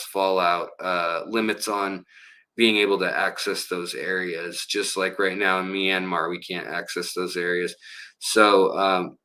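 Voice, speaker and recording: A man's voice: low voice, a bit bright. A man hosting a casual livestream for his aquarium channel, rambling and full of fillers as he chats with viewers.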